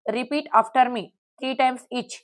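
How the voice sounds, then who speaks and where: A woman teaching spoken English in a slow classroom manner, spelling out words letter by letter for learners to repeat. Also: high voice, steady tone.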